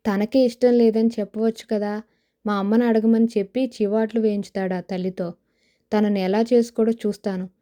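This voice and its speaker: Woman narrating with a very dark tone. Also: medium pitch, fairly even intonation, normal speed. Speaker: audio novel narrator. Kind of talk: scripted narration of a novel.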